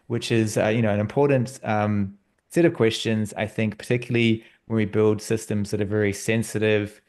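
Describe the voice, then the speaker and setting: A man hosting an online research workshop on a video call, relaxed and friendly, with frequent fillers. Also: on the low side. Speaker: workshop host.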